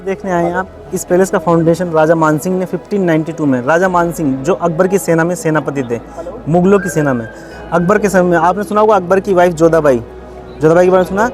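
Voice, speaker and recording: A man's voice: sits high, fairly even intonation, fast talker, over music. A man working as a tour guide, explaining things to visitors outdoors in a chatty, lecturing way. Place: outdoors at a historic palace.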